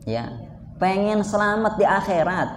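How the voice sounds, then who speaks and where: A man's voice: high-pitched, animated, measured pace. A man preaching a casual, joking sermon to a live congregation, often turning to his listeners directly. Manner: jokey, keeps addressing listeners directly. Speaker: Islamic preacher. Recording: echoey hall with faint background noise.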